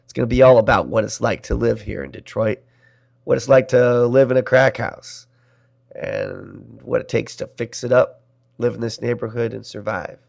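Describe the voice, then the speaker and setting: A man's voice: medium pitch, steady tone, moderate pace, creaky, a little mellow. A man from Nebraska hosting his own podcast in a wry, self-deprecating monologue, his voice strained while he recovers from being poisoned. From Nebraska, USA. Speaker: podcast host.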